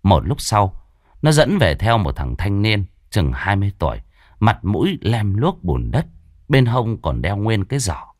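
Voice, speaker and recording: Expressive low-voiced storyteller. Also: male voice, unhurried, no echo, studio quality. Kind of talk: ghost story narration.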